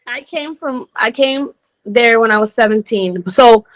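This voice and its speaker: A woman in her forties from Rhode Island talks through her story as an interview guest, with a slightly high voice. She is lively and chatty and laughs easily as she goes. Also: a little slow. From Rhode Island, United States. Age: 40s. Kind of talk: casual interview chat.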